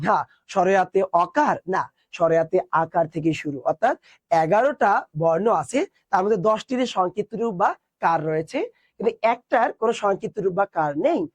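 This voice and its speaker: A man's voice: sits high, lively intonation, fairly quick, dry recording. A young man teaching an online class, explaining step by step and asking his students questions.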